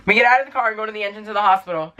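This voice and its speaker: A young vlogger tells a casual storytime, rambling and relying heavily on "like" as a filler. His high-pitched voice is very fast with a sharp tone, and the audio sounds dull.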